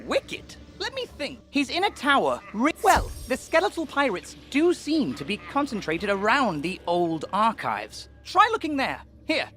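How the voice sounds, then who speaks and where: A woman's voice: fairly high pitch, wildly swooping pitch, measured pace, few pauses, fairly bright tone, full character voice. A woman playing an eager, fretful helper in a video game, bubbly and chatty as if thinking aloud. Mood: eager, concerned. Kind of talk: video game character acting.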